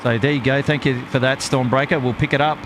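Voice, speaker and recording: Hosting a live stream, a man offers casual commentary in a mid-pitched voice, talking quickly with fairly even intonation. He rambles in a matey, hesitant manner, and the outdoor audio is clearly noisy.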